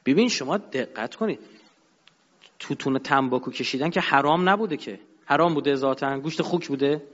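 A man giving an emphatic religious and political lecture to an audience, his voice jumping up and dropping low. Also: fairly bright tone. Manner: emphatic, rising and dropping sharply. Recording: dull sound in a long-reverb hall.

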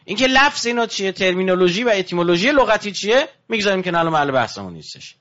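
High-pitched animated male preacher, lo-fi. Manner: animated, rising emphasis, then low and hushed. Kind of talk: religious lecture. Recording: dull lo-fi recording.

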